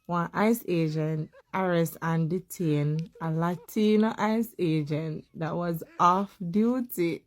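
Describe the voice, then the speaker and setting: A woman's voice: on the low side, slow, few pauses. A woman chatting casually in an amused, teasing way as she reacts to a video. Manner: amused, teasing, laughs often. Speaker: reaction commentator.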